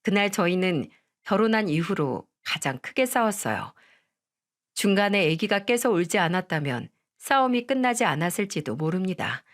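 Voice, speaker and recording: A woman reading a scripted personal story as narration, in a steady, confiding manner. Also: medium pitch, normal speed.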